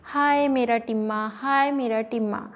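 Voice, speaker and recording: A woman's voice: on the high side, steady tone, unhurried, close to an everyday voice. A woman voicing a widowed mother, frantic and tearful, pleading in a wailing voice. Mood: distraught.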